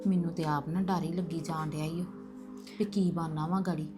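A woman's voice: low voice, steady tone, moderate pace, music in the background, close to an everyday voice. An actress playing a middle-aged mother who complains and plots against her daughter-in-law. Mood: complaining. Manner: complaining, conspiratorial. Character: scheming middle-aged mother, worried and resentful. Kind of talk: web drama acting.

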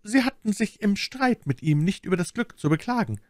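Scheming seductive noblewoman, put on by a male audiobook reader: high, lively, imperious. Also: fairly quick, no echo, clean studio sound. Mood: urgent. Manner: coaxing, imperious. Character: cunning seductive noblewoman, vengeful and commanding. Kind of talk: audiobook character voice.

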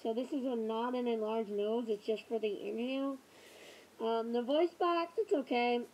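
A woman speaks from inside a gas mask, her slightly high voice muffled by the rubber and filter. She talks loudly, close to yelling, in a casual review. Faint noise sits behind her. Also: normal speed. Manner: talking loudly, almost yelling. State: talking through a gas mask. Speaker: vlogger.

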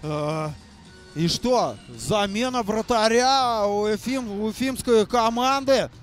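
A man doing live hockey play-by-play, halting and repeating phrases for emphasis. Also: high voice, animated, soft background music. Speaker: hockey commentator. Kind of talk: live play-by-play sports commentary.

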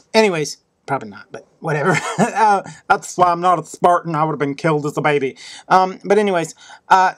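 A man's voice: a little high, no room sound, clean studio sound. A young man casually reviewing a movie on Blu-ray, swearing and joking and dropping into silly voices. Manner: profane, jokey, slips into silly put-on voices.

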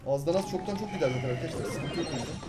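A young man in his twenties giving excitable, slangy commentary over his own gameplay, swinging between calm asides and frustrated outbursts. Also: a little high, rapid-fire, loud music behind the voice. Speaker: gaming YouTuber.

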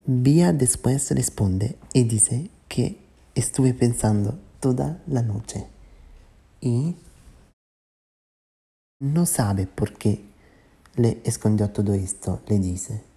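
A woman's voice: a bass voice, expressive, extremely slow, pauses often, warm tone, husky. A woman host narrating a chat animation story as a simple retelling. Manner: simple retelling with plain quoted lines. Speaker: channel host.

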